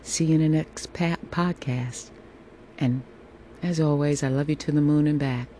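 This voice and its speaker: A woman's voice: low voice, steady tone, normal speed, mellow, poor audio. A woman with a sultry voice hosting a casual solo podcast, speaking in a reassuring way with repeated phrases into a phone at home. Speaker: podcast host. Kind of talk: casual solo podcast monologue, encouraging check-in. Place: room at home with air conditioning running. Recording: air conditioner hum behind voice. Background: faint air conditioning noise.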